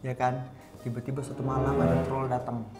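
A young man in a loose, joking chat, spinning rambling stories and swearing casually. His voice sits at an ordinary pitch, and clear music plays under the talk throughout. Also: completely flat delivery, brisk. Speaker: podcast co-host.

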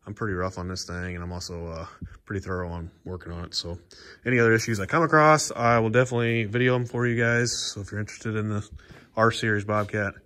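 A man's voice: on the low side, fairly even intonation, fast, sharp tone, dry recording. A man giving a casual, rambling review of his skid steer from inside its small cab, talking bluntly about what he dislikes.

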